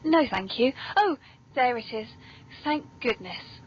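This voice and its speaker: Speaking slowly in a husky, expressive voice, a British woman hosts a whimsical comedy podcast from a script. Her manner is genteel, very polite and playful, and the recording comes through muffled, noisy and low in quality.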